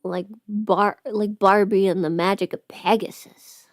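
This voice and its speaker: Doing her makeup on a livestream while ill, a woman who hosts streams and performs audio chats casually, rambling and thinking aloud with the odd playful moment. Her mid-range voice stays steady at a measured pace, captured in a dry, studio-quality recording.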